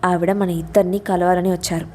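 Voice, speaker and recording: A woman's voice: lowish voice, little pitch movement, fairly quick, darkish tone, a little hiss or hum, lightly acted. A woman voicing a tense, flustered young wife in an audio story. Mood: anxious.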